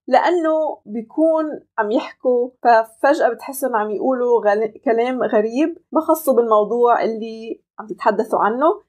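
Levantine woman teaching with a fairly high voice. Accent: Levantine Arabic. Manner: explains step by step, slowly modelling English phrases. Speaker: English teacher. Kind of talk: online language lesson.

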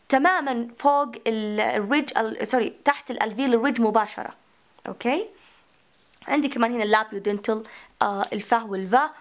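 Woman lecturer, slightly high voice, talks herself through questions. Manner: mixes English terms into Arabic, asks and answers her own questions. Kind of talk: recorded phonetics lecture.

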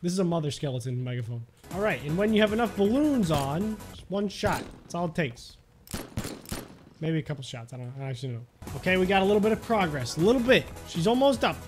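This gaming video features a young man whose commentary is casual and jokey, full of exclamations and mock seriousness. His voice sits high and sing-song, and his pace is quick. Background music accompanies him.

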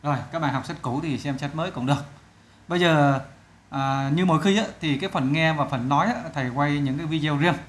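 Chatty Vietnamese-accented male teacher. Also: a little high. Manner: chatty, many fillers, stretches words slowly to model stress. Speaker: English teacher. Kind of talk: casual exam walkthrough lesson.

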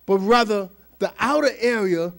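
A male pastor preaching a fervent sermon, calling for responses from the congregation and swinging between shouts and near-whispers. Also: sits high, normal speed, gravelly.

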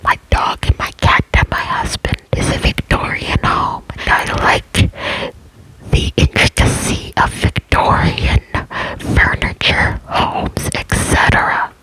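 A woman's voice: takes it slowly, fairly bright tone, rough recording. Female ASMR creator, cupped-hand whisper right on the mic, soothing rambling with repeated phrases. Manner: whispers throughout with hands cupped around the microphone. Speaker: amateur ASMR video creator. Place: indoor room at home. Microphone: desk microphone very close, cupped by hands.

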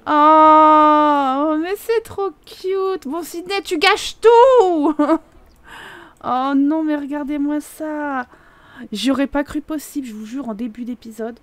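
Une joueuse bavarde à la voix aiguë. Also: female voice, sits high, takes it slowly, no room sound. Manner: chatty and excitable, laughs often and exclaims. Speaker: gaming video host. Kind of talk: casual Let's Play commentary.

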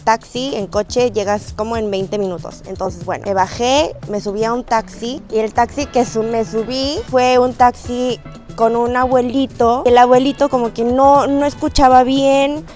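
A young woman from South Korea chats to her phone camera as she travels, her voice sitting a little high. She tells her stories with animated, chatty energy, and soft music plays faintly behind her. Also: moderate pace. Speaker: vlogger. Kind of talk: casual travel vlog narration.

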